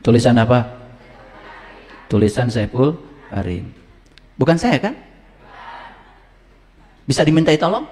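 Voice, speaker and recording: A man's voice: a little slow, long pauses. A male preacher giving a humorous sermon, joking and quizzing his audience with questions. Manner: lively, rising to high emphatic pitch. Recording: long hall reverb.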